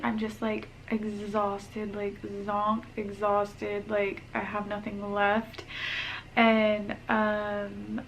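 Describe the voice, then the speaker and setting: A young woman talks straight to camera in a loose, rambling vlog update, leaning on ums and likes as she goes. She sounds a little out of breath, and a faint hiss of background noise sits under her voice. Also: medium pitch. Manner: chatty, many ums and likes. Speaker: vlogger. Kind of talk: casual pregnancy update vlog.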